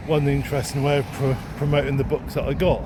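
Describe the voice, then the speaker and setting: A fast-talking man with a mid-range voice and little pitch movement rambles hesitantly, thinking aloud in an unscripted vlog. He's a second-hand bookseller walking outdoors along a town street, and the recording picks up street ambience and passing vehicles.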